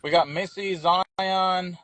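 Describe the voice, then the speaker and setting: A man's voice: high voice, fairly even intonation, takes it slowly, fairly bright tone, poor audio. A man co-hosting a livestream, chatting casually and joking around, at times mimicking an auctioneer. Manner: jokey, hams it up like an auctioneer. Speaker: livestream co-host.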